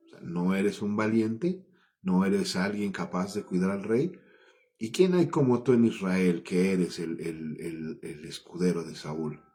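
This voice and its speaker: A man's voice: low voice, measured pace, warm tone. A Mexican Spanish-speaking man preaching a Bible study, reading scripture aloud and then explaining it in his own words with frequent restarts.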